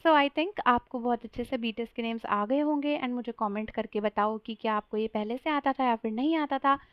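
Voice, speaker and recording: A woman teaching pronunciation in a casual explainer lesson, repeating each syllable slowly for the viewer to copy. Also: a little high, dry recording, dull audio.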